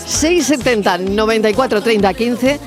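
A woman hosting a radio talk show, briskly steering the chat and teasing her team. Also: fairly high pitch. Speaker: radio host. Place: radio studio. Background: music bed.

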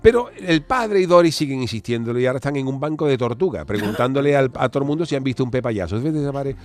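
A man with a Cádiz Andalusian accent, retelling a film as comedy, fast and joking, acting out the characters' lines. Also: mid-range voice, lively intonation, a little mellow. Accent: Cádiz Andalusian Spanish. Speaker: comic film reviewer on a radio show.

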